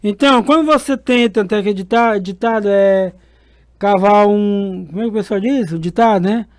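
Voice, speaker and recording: High-voiced priest preaching. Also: male voice, moderate pace, no room sound. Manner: chatty, fond tags like "né" and "queridos". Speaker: priest and radio show host. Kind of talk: radio sermon with advice. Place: radio studio.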